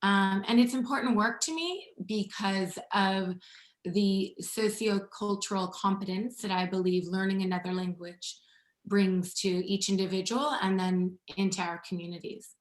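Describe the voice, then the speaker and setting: A woman's voice: medium pitch, fairly even intonation, moderate pace, roomy sound. A woman who teaches Spanish, introducing herself earnestly on a panel.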